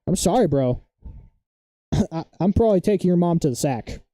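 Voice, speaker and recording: A young man chatting casually on a live stream, rambling and excitable, loudly defending his opinions. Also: sits high, normal speed, no echo, studio quality.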